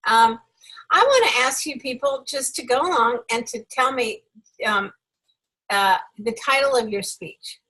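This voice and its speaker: A woman's voice: on the high side, lively intonation, measured pace, bright, forceful tone, husky, rough recording. A woman working as a public speaking coach, giving effusive, emphatic, encouraging feedback to a group on a video call.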